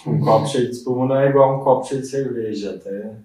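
A man's voice: mid-range voice, fast, recorded from a distance. Slangy brewmaster man in an echoey room. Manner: slangy, animated storytelling. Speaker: brewmaster guest. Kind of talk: casual podcast chat.

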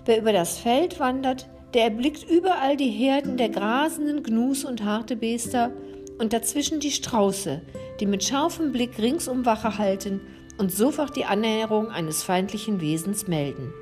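A woman reading an animal fable aloud in a calm, measured storytelling manner. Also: fairly high pitch, faint music behind.

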